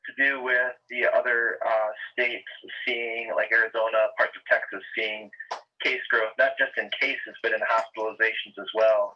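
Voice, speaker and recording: A man's voice: on the low side, flat delivery, moderate pace, lo-fi sound. A male reporter asking rambling, hedging questions at a press conference, heard through scratchy web-call audio played back over a speaker.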